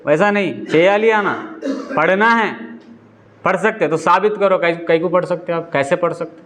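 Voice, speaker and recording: A man's voice: sits high, steady tone, moderate pace, a bit bright. A man giving a conversational religious talk as a preacher, putting questions to his listeners. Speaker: Islamic preacher.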